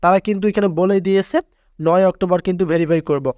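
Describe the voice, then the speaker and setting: A man's voice: high voice, fairly even intonation, very fast, darkish tone, clear, resonant tone, no echo, highs cut off. A man hosting a screen-recorded app tutorial, talking insistently and stressing his points with repeated filler words. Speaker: tutorial channel host.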